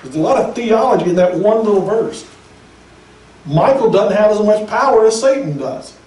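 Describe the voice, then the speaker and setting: A pastor giving a sermon with emphatic, conversational preaching and speculative asides. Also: male voice, sits high, animated, moderate pace, a little mellow, roomy sound, far from the mic, low-quality recording.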